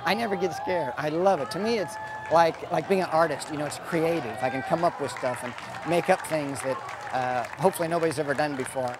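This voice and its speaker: A man's voice: a little high, a little fast. A man from Idaho, a sword swallower, answering interview questions in a casual, plain-spoken, easygoing way. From Idaho, United States. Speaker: sword swallower and circus-style performer. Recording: noisy outdoor fair with crowd. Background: crowd and outdoor fair ambience.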